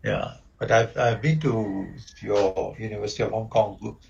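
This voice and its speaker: A man's voice: on the low side, moderate pace, vocal fry, a little mellow, husky. A man from Tanzania, a professor chatting in friendly short replies on a video call. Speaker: professor and panelist. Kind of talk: casual video-call chat. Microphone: computer mic on a video call. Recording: dull lo-fi video-call audio.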